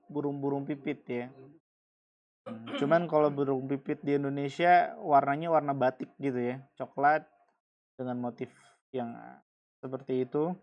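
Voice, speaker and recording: Male teacher, young adult, unhurried delivery, patient and repetitive, classroom lesson. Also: mid-range voice, dull audio. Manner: slow, repeats and explains each word patiently. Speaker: Arabic teacher.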